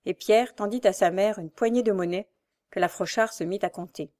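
A woman narrating a classic novel as an audiobook, in a measured, dramatic storytelling manner. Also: medium pitch, darkish tone.

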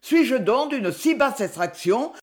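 A woman's voice: a little high, very animated, measured pace. A woman reading an audiobook, voicing a proud, desperate young woman who pleads with her rich father. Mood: indignant. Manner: pleading, raised and emotional.

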